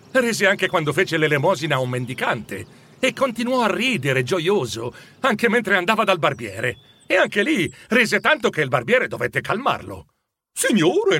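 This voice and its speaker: Animated male storybook narrator. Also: sits high, husky. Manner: expressive, warmly animated storytelling. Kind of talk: storybook reading.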